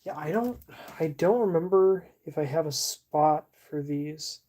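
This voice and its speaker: A woman streamer chatting casually as she sorts, thinking aloud with fillers and soft laughs. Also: deep voice, unhurried. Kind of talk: casual livestream chat while sorting. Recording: audible background noise.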